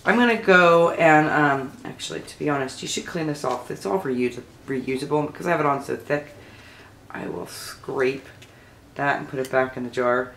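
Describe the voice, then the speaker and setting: A woman talking casually through a craft tutorial as she works, rambling and thinking aloud, with a low early-morning voice. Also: moderate pace, gravelly, a bit bright. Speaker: mixed-media craft tutorial host. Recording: echoey room, faint background noise.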